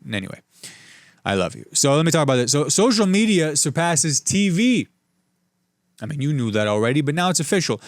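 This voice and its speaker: A young adult man hosts his own podcast alone and talks through the week's headlines with dry sarcasm and rambling tangents. His mid-pitched voice is smooth and resonant, close to the mic in a dead, dry space. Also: no room sound. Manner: sarcastic, rambling, jokey asides. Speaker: podcast host. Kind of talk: solo comedic news commentary.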